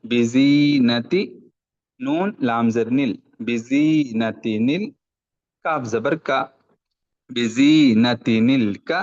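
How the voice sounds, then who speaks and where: With the highs cut off, the audio carries a mid-range, somewhat mellow male voice. He's giving an online Quran reading lesson, spelling out each letter and vowel mark in slow syllables and adding brief notes on the rules.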